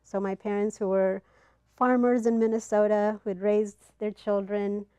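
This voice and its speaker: Middle-aged woman from ethiopia telling a story to a crowd, earnest, halting, lots of ums, dry close sound. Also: medium pitch, level tone, mellow, smooth, no room sound, muffled recording. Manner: earnest, halting delivery with pauses and fillers. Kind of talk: personal storytelling to a live audience. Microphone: clip-on mic, not in front of the face.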